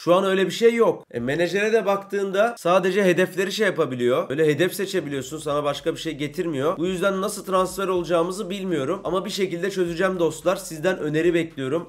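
Excitable young man commentating gameplay. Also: on the high side. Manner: excitable, talks to teammates in-game and to viewers. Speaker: gaming YouTuber.

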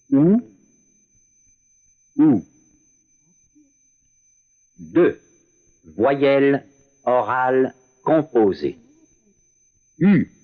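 A man with a low voice reads out sounds and words one at a time, very slowly, as a pronunciation drill. He enunciates each one carefully, and his pitch moves up and down a lot. The recording is dull and lo-fi, like an old course tape. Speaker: language course narrator. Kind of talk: slow, deliberate pronunciation drill.

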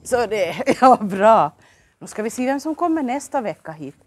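Finland swedish lady hosting kids tv, highish voice, bouncy sing-song, coaxing the little ones. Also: sing-song. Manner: cheerful, sing-song, coaxing questions to children. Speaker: children's TV show host. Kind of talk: lively children's TV hosting. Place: local TV studio.

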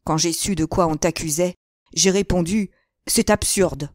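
An aging, emotional noble father, voiced by a woman reading an audiobook. The lines come out tender and heartfelt in a lower, dry voice. It is read plainly rather than acted out in a new voice. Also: unhurried, darkish tone, dry recording, close to an everyday voice. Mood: emphatic.

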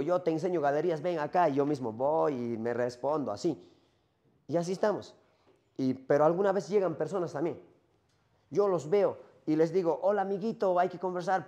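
Lonely rambling Minotaur, played by a man, male monster longing for death, slightly high voice, rhetorical questions. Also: fairly quick, dark tone, lightly acted. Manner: rambling first-person monologue, rhetorical questions.

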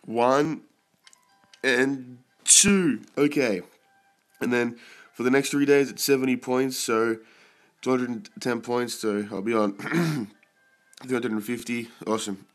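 A sick young man keeps clearing his throat while casually commenting on his mobile game pulls, getting excited and swearing when the results are good. His voice is mid-range.

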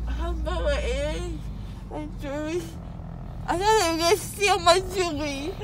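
A woman's voice: very high-pitched, moderate pace. A young woman, groggy and slurred after wisdom teeth removal, crying and complaining in a loopy, whiny, dramatic way. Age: young adult. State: crying, weepy. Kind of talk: casual chat. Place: inside a car. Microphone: phone held by person in next seat. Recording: noisy moving car interior, phone video.

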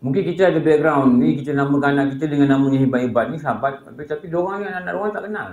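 Jokey Malaysian ustaz in an echoey hall. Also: male voice, a little high, rapid-fire, a little mellow. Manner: humorous storytelling, acts out voices of people in his stories. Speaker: religious teacher. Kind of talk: casual religious lecture with anecdotes. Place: prayer hall.

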